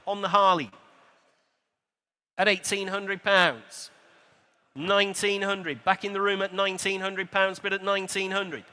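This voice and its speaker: A man's voice: high-pitched, level tone, unhurried, pauses often, pushed and bright, clear, resonant tone. A British man working as an auctioneer, calling bids in rhythmic repeated prices with polite, chatty asides to bidders. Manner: polite, courteous address to bidders. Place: large indoor auction hall at a motor show. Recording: PA voice in large reverberant hall.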